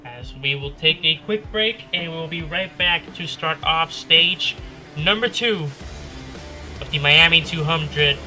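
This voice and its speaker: A man giving live motorsport commentary as a race commentator, calling the action in drawn-out announcer phrases. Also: fairly high pitch, sharp tone, faint music behind. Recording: clear engine and car noise behind.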